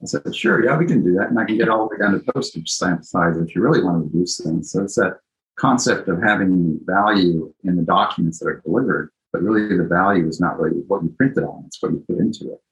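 A man with a very deep voice talks as a guest on a podcast interview. He answers in a reflective, relaxed manner and often pauses on an um. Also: poor audio. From born in Greece, raised in Japan and Italy. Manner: thoughtful, unhurried, with frequent ums. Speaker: architect and company founder, guest. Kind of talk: casual interview.

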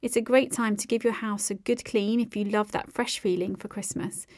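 A woman's voice: mid-range voice, steady tone, moderate pace, a little mellow, dry recording, studio quality. A woman hosting a podcast, talking casually through recipes and tips with plenty of fillers. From United Kingdom. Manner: friendly, chatty, with frequent um and uh fillers. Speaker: podcast host.

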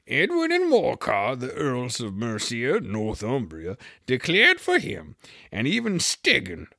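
A reader voicing a self-important mouse who lectures a crowd in a dry, pompous manner, clearing its throat before it speaks. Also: mid-range voice, wildly swooping pitch, unhurried, bright, forceful tone, dry recording, full character voice. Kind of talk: storybook reading with voices.

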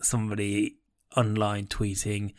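A man in casual chat as a podcast co-host, talking fast and laughing often. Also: on the low side, monotone, smooth, no room sound, studio quality.

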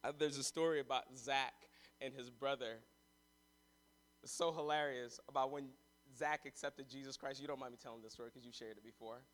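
A man's voice: mid-range voice, steady tone, fairly quick, a bit bright. A male pastor preaching a sermon, retelling the story dramatically and acting out the voices of the people in it, with rising intensity.

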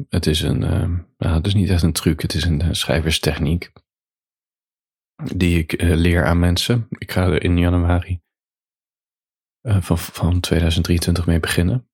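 Deep, husky man reading his story. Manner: calm, reflective reading with quiet emotion. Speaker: writer and writing teacher. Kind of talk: reading aloud his own short story.

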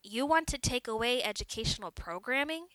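A woman's voice: on the high side, animated, brisk, a bit bright, no room sound, pitched above the performer's own voice. A woman reading a story aloud, voicing an earnest, clever young office man who asks questions in earnest. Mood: incredulous.

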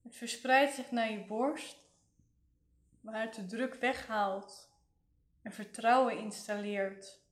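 Woman doing guided meditation, really slow n gentle, kinda high voice, long pauses. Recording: roomy, echoing voice recording.

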